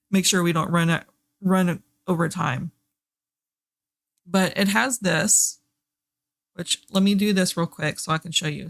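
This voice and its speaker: A streamer from Texas, Southern accent and all, rambles through casual chat packed with fillers while leading a reading sprint. The voice is mid-range, gravelly and fairly bright, recorded on a desk mic with the headset off, with clean studio sound and no echo.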